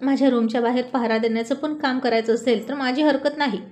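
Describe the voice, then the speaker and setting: A woman's voice: high-pitched, fairly even intonation, fast talker, darkish tone, close to an everyday voice. A woman voicing a cocky teenage boy who teases and brags. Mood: smug. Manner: smug, mocking.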